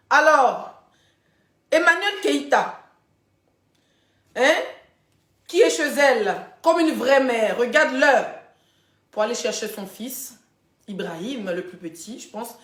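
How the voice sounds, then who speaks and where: A woman, hosting a casual live stream and telling gossip straight to her viewers in a chatty, animated way. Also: mid-range voice, reverberant. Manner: chatty, animated storytelling, addressing viewers directly.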